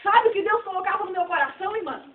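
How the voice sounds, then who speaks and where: A woman's voice: very high voice, fast talker, slight background noise. A Brazilian woman with a Brazilian Portuguese accent, preaching a fervent, emphatic sermon to a church fellowship. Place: church hall. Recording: tinny, distant, echoey church recording.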